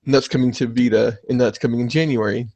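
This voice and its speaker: A young man hosting a casual podcast, chatting excitedly and swearing often. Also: mid-range voice, quick pace. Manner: excitable, swears a lot, animated. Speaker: podcast host.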